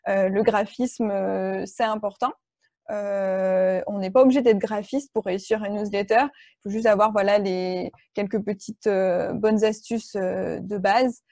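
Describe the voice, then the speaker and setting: French woman teaching a workshop, soft mellow voice, lots of euh and restarts, dry close sound. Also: mid-range voice, steady tone, unhurried, dry recording. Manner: explanatory, many fillers and restarts. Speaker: workshop trainer. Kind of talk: online workshop presentation.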